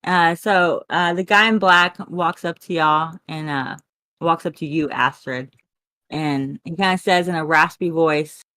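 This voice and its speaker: A woman's voice: low voice, measured pace, sharp tone, no echo. A woman running a tabletop role-playing game, narrating in a casual, playful way. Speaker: game master.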